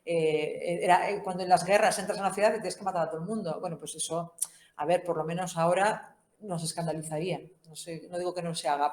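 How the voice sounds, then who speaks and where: Low-leaning and slightly mellow, the voice belongs to a woman from Spain, judging by her Spanish accent, leading a casual Bible class. She keeps it chatty and funny, tacking questions onto many sentences, while the recording carries a roomy echo.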